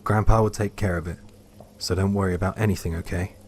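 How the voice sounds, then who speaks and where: A man voicing a worried elderly grandmother, speaking softly and reassuringly in a story reading. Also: sits low, steady tone, quick pace, slight background noise, lightly acted. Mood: hushed. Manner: soft, reassuring. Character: worried elderly grandmother, gentle but shaken.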